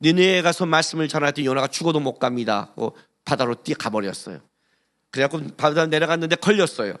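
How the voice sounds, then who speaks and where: A man's voice: a little high, animated, fast talker, fairly bright tone. A male pastor preaching a sermon at a church service, blunt and colloquial, firing rhetorical questions at the congregation. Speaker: senior pastor.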